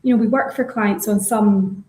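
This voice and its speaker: A woman's voice: medium pitch, fairly even intonation, moderate pace, darkish tone. A woman speaking as a legal professional on a panel, explaining her approach. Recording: echoey room sound.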